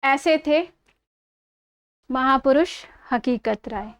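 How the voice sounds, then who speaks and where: Woman reading a bio story slow, high voice, stops to explain words. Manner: explains words, repeats verses. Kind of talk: reading a biography aloud.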